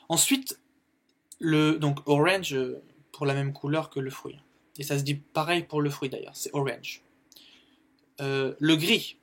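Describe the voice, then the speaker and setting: A man's voice: a little high, fairly bright tone. A French-speaking man teaching colour words in a casual video lesson, repeating each word and using plenty of fillers. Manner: explains slowly, repeats words, many fillers. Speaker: YouTube English teacher.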